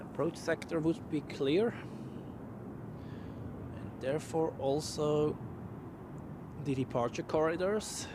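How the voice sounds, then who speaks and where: A man's voice: on the high side, slow pace, long pauses, noisy background. A native German-speaking man giving casual live commentary outdoors as host of a plane spotting stream. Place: outdoors near an airport.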